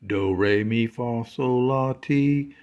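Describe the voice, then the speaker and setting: A man's voice: fairly low pitch, a little slow, creaky, darkish tone, breathy edge, highs cut off, exaggerated voice. A man voicing a cheerful little female chipmunk in a storybook, singing scales eagerly.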